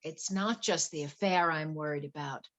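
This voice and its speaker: In a play reading, a woman with a deep, fairly bright voice plays a wealthy, anxious wife confiding fears about her husband. She speaks at a moderate pace, earnest, polite, and flustered.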